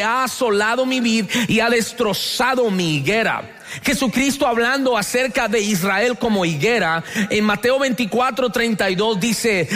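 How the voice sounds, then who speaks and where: A man from Colombia with a Colombian Spanish accent, preaching a lively sermon as pastor and having the congregation repeat lines after him. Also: very high-pitched.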